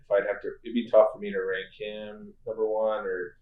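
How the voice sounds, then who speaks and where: A man co-hosting a casual game podcast, animated, now and then acting out gruff movie lines. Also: on the low side, brisk, phone-quality sound. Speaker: podcast co-host. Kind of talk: casual chat. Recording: echoey room.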